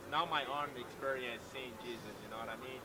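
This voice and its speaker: A man's voice: mid-range voice, quick pace. A man from Brazil, answering questions on a street hesitantly, searching for his words. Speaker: passerby being interviewed. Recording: loud street crowd and traffic behind.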